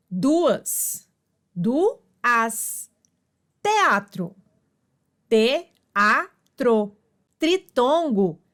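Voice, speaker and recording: A woman teacher reading a grammar lesson aloud, slow and deliberate, spelling words out syllable by syllable. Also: fairly high pitch, fairly bright tone.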